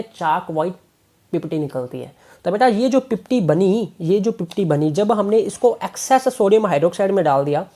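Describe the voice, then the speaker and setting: A man's voice: high voice, darkish tone. A male tutor teaching a chemistry exam lesson, coaxing his students and repeating key points. He mixes English terms into his Hindi.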